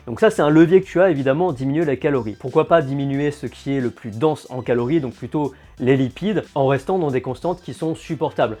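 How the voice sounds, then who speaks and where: A man, a fitness and nutrition coach, talking straight to the viewer in a casual explainer vlog with lively, direct, sarcastic asides. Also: fairly high pitch.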